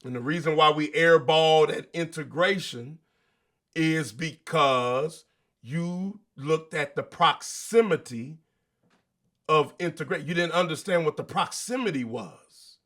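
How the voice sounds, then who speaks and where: As host of a motivational monologue, a man with a bright, forceful, slightly high voice speaks at a measured pace. He preaches emphatically in casual slang and keeps hitting the listener with rhetorical questions.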